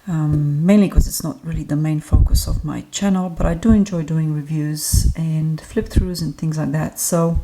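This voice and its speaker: A woman's voice: lowish voice, gravelly, mellow. A woman talking casually and chattily to her viewers as she reviews an oracle card deck, with frequent ums. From Australia. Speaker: tarot reader and deck reviewer. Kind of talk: casual solo review talk.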